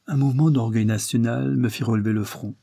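A man narrating a classic novel as an audiobook with steady storytelling. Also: medium pitch, brisk, gravelly, breathy edge, dry recording, clean studio sound.

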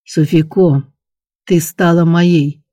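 A man playing a passionate young nobleman in an audiobook, who speaks in a slow, forceful way. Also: on the high side, steady tone, no room sound, clean studio sound. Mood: domineering.

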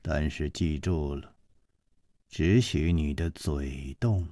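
A man's voice: rumbling low, slow, mellow, no echo, pitched below the performer's own voice. A man voicing a fierce middle-aged martial-arts woman who threatens in a cold, hard voice. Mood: cold menacing.

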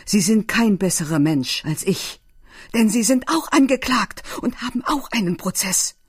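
A man's voice: expressive, normal speed, breathy edge, no room sound, studio quality. A man voicing Block, a cringing, agitated male client bursting into indignant protest. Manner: shrill, indignant outburst.

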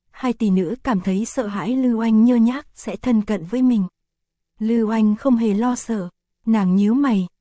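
A woman narrating an audiobook in a steady, even storytelling manner. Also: mid-range voice, no room sound, studio quality. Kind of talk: scripted narration.

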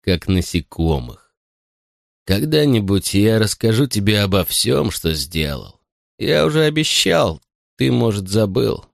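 A man voicing a sinister drunken butler who speaks very slowly, quietly and deliberately in a low voice. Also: sing-song, vocal fry, no room sound, clean studio sound, full character voice. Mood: menacing. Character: sinister drunken male butler, slow and menacing.

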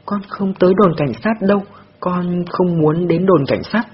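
A man's voice: high-pitched, normal speed, husky, voice pushed up. A man voicing a stubborn little girl who lies and cries, her voice strained and pleading. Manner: crying, pleading. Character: stubborn lying little girl, tearful and sly. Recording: dull lo-fi recording.

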